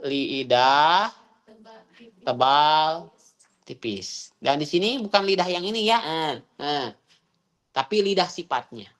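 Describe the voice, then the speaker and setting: Teacher, female, low voice, quizzes students with repeated questions. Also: animated, moderate pace. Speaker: Quran recitation teacher. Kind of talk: online tajwid class.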